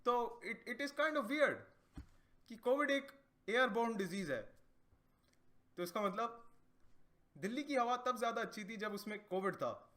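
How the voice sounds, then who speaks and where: High-voiced crude comic. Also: male voice, a little slow, long pauses. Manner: crude, animated, slips into impressions. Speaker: comedian. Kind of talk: stand-up style comedy bits.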